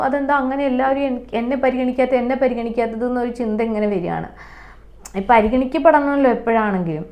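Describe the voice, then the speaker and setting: A young mother tells her own story, earnest and emotional, often restarting and repeating herself. Her voice sits a little high for a woman. It is a casual personal monologue. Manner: earnest, emotional, lively, with many restarts and repetitions. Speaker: mother sharing her experience.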